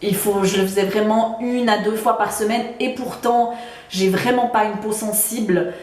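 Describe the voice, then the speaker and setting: Her mid-range, darkish voice keeps a steady tone and normal speed as she, a beauty vlogger with a Swiss French accent, casually goes over used-up beauty products. She hesitates often with fillers and restarts, and the sound echoes around the room.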